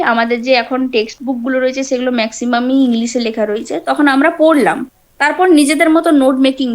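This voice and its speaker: Woman, Bengali accent, high voice, online class lecture, explanatory teacher. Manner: explanatory, scolding students now and then, fillers and restarts. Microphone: laptop or phone mic on a video call.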